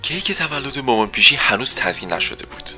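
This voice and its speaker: A man narrates a children's story in a gentle, storytelling way. His voice is strikingly bright and forceful. Soft music plays faintly underneath. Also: mid-range voice, big pitch swings.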